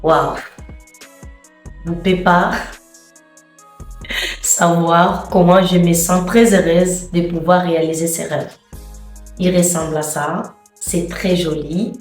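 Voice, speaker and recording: A woman's voice: fairly low pitch, flat delivery, soft background music. Woman vlogger from Angola, chatty with many fillers; distant mic in an echoey room. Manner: unhurried, chatty, with frequent hesitant fillers. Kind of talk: casual unboxing chat to camera.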